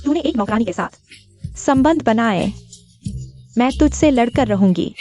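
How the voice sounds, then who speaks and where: A woman's voice: a little high, lively intonation, unhurried, warm tone, soft background music. A woman voicing a domineering middle-aged mother-in-law in a drama dub, harsh and scolding. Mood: furious.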